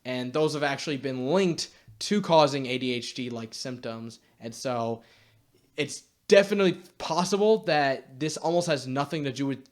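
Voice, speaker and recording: A young man delivering a blunt, exasperated rant to camera, swearing casually as he lectures viewers. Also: medium pitch. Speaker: YouTube commentator.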